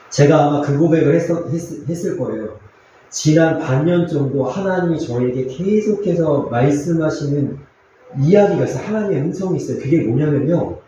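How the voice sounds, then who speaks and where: A man pastor preaching a sermon in a church, earnest and confessional, with pauses and fillers. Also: on the high side, warm tone, heavy reverb, muffled recording, a little hiss or hum. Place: church sanctuary.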